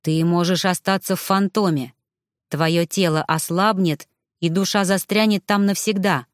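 Woman voicing stern ghost man, slow and preachy, audiobook. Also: lowish voice, steady tone, no echo, studio quality, close to an everyday voice. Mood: stern, instructive. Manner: slow, drawn-out, instructive. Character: stern fussy male ghost medium, older relative.

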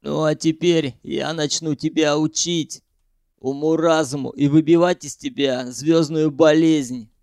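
A male narrator voicing a rough, hot-headed man who hunts in the sewers, talking coarsely and mockingly and swearing freely. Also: on the high side, steady tone, measured pace, a little mellow, dry recording, clean studio sound. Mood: scornful.

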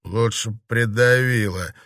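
A man's voice: medium pitch, fairly even intonation, normal speed, a bit bright, clean tone, no echo, clean studio sound, voice pushed up, natural voice. A man voicing a haughty young overseer who barks orders and sneers. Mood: barking. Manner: barking and contemptuous.

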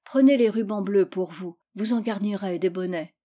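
A woman voicing a gentle, patient mother in a storybook reading. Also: medium pitch, normal speed, natural voice. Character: gentle, pleading young mother.

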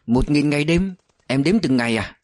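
A man's voice: on the high side, lively intonation, moderate pace, close to an everyday voice. A man doing a tender returning soldier. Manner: soft, quiet. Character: soldier husband home from war, tender.

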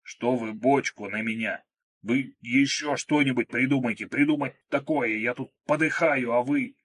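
A man's voice: mid-range voice, normal speed, a bit bright, breathy edge, voice pushed up. A man voicing a panicky, self-pitying wounded man who cries out shrilly and desperately. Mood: whimpering.

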